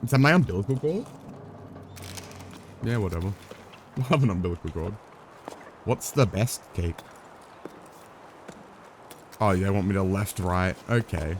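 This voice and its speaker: A man's voice: low-pitched, measured pace, pauses often, slight background noise. A young man live-streaming a game, chatting casually in a rambling way, swearing freely, with wry asides to his viewers.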